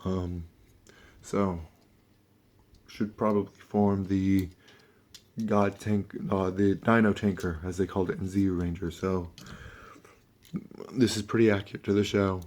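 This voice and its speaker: A man who sounds under the weather, giving a casual, halting, offhand hands-on toy review and talking through each step. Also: sits low, flat delivery, a little mellow. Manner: offhand, halting, mildly sweary.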